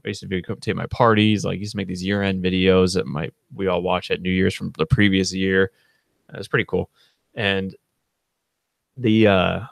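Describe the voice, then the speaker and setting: A man's voice: low-pitched, gravelly, dry recording, clean studio sound. A man hosting his channel, telling a casual, rambling story to camera with lots of fillers and self-corrections. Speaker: channel host.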